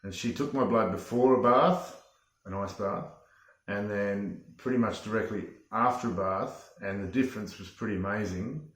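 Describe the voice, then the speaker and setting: Man, fairly low pitch, casual testimonial, plain-spoken, slightly hesitant phrasing, roomy echo. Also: normal speed, a bit bright. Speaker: builder giving a testimonial. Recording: echoey room.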